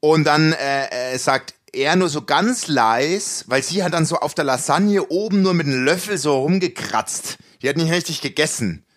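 A man spins a meandering anecdote in relaxed podcast chat. His voice sits a little high for a man. He restarts sentences often and leans on colloquial slang. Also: moderate pace, few pauses. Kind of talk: casual chat, storytelling.

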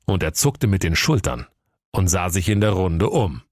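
Man, low voice, comic fairy-tale narration, playful, dry studio. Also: very animated, normal speed, a little mellow, no room sound.

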